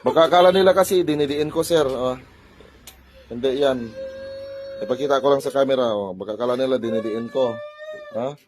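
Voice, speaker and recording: A man's voice: medium pitch, a little fast, long pauses, background noise. A man performing a deliverance prayer as a faith healer, chanting invocations and repeating urgent commands at a spirit. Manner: commanding, repetitive urgent orders.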